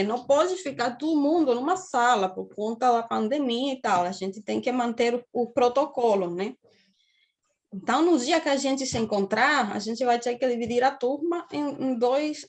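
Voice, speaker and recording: A woman in her thirties from Cuba with a Cuban accent, giving a university lecture on a video call and explaining steadily, often checking in with her students. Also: sits high. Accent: Cuban Spanish. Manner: explanatory, often tags phrases with "né?". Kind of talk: online class lecture.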